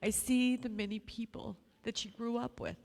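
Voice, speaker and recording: A middle-aged woman with an English accent gives an informal memorial tribute as a bereaved mother, haltingly and repeating her phrases. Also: fairly high pitch, steady tone, gravelly, a little mellow. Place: large echoey room at a gathering. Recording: echoey hall with long reverb.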